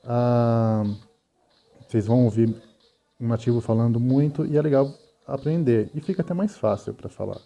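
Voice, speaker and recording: A man's voice: mid-range voice, normal speed, vocal fry, mellow. A man with a Brazilian Portuguese accent teaching an English grammar lesson, patiently explaining and checking often that students follow.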